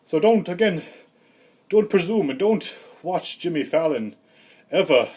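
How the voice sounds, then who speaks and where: A man playing a rambling, grumpy old Santa Claus in a comedic vlog monologue, with deadpan, self-important asides. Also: on the high side, measured pace, husky. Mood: grumbling. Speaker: comedy vlogger.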